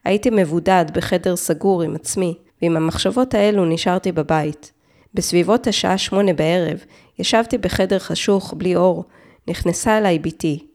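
Low-voiced woman narrating true crime. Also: darkish tone. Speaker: podcast narrator.

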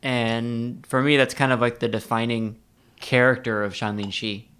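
A man tasting tea in a casual chat, relaxed and joking, with frequent "like" and "um" fillers. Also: mid-range voice, normal speed, smooth. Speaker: tea enthusiast guest.

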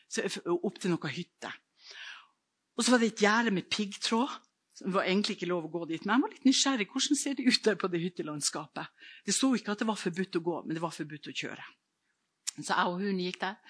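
An older woman preaches a fervent sermon woven with personal testimony, swinging from loud exclamations to hushed whispers. Her voice is medium in pitch and slightly rough.

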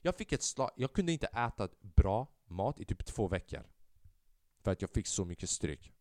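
A young man from Sweden, a podcast host telling a story in an animated way, swinging from loud outbursts to low mutters and mixing in English slang and swearing. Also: no echo, studio quality. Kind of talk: casual storytelling.

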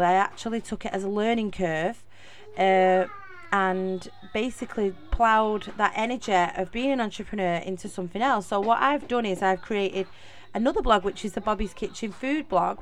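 There's slight background noise behind this medium-pitched woman's voice. A young podcast host from Manchester, England, she talks in a Mancunian accent through a casual solo monologue, rambling with many fillers and restarts.

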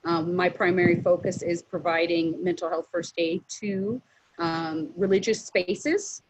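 A woman's voice: lowish voice, expressive, measured pace, noisy background. A woman in her forties, a mental health professional, introducing herself in a chatty, self-correcting way over a video call. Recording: dull lo-fi video call audio.

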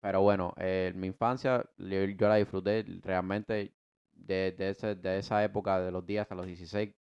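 Muffled audio carries this low, smooth male voice speaking at a normal pace. In his twenties, American with a Cuban Spanish accent, he co-hosts a podcast and tells his life story in a loose, slangy ramble, often restarting.

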